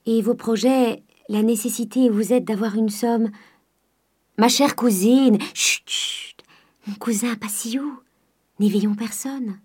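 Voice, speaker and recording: A woman voicing hushed pleading young heiress. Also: fairly high pitch, fairly even intonation, measured pace, slightly rough, voice pushed up. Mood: urgent. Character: young provincial heiress, shy, devoted, pleading.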